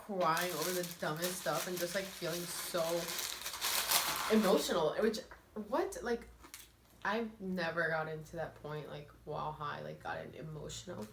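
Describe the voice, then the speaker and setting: A woman's voice: fairly low pitch, moderate pace. A young woman in her twenties chats through a storytime while eating, full of "like" and laughter. Her voice sits in the middle of the range. The room is echoey, with a faint hum of ambience behind her. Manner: chatty, laughing, says "like" constantly. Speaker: mukbang vlogger.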